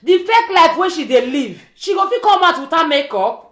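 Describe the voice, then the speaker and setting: A high, very animated female voice with a West African accent rants informally in pidgin, in a roomy echo. She scolds like a social media vlogger, hammering rhetorical questions again and again. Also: moderate pace. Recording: echoey, roomy sound.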